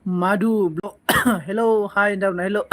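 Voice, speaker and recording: Guy doing a chill live stream, reads comments out slow, teases people, keeps coughing, kinda high voice. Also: fairly even intonation, a bit bright. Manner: slow, playful teasing banter with frequent coughs. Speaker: live-stream host reading viewer comments. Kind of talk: casual live-stream chat.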